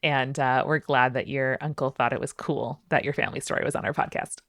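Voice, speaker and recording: A woman's voice: very deep voice, fairly even intonation, brisk, dry recording, studio quality. A woman co-hosting a podcast, reacting in a wry, playful way with hesitant fillers. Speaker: podcast co-host. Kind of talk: casual podcast chat.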